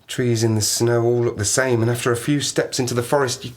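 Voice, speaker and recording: A man with a medium-pitched, natural voice speaks briskly in a steady tone. He's an actor in an audio drama playing a lonely, half-mad plane-crash survivor who rambles wistfully and mocks himself while talking to himself, in a diary-like monologue.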